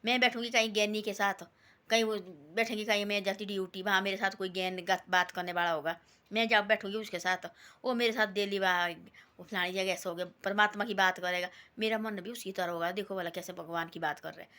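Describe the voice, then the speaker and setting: A woman's voice: medium pitch, fairly even intonation, a little fast, pushed and bright. A woman vlogger casually retelling a devotional moral story in a rambling, folksy way, full of quoted voices.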